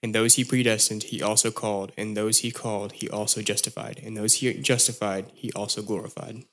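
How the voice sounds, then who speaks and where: A man reading scripture aloud in a slow, measured, even way. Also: on the low side. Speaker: scripture reader.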